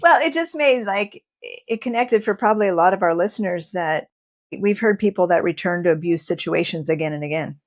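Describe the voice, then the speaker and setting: A woman co-hosting a podcast speaks in a reflective, encouraging and reassuring way during a supportive conversation. Her pitch is fairly low, her intonation lively, and she talks a little fast.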